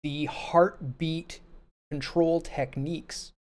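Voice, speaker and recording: A man's voice: fairly high pitch, fairly even intonation, slow pace, darkish tone. A man on a live game review panel, talking casually, laughing often and repeating words as he starts sentences.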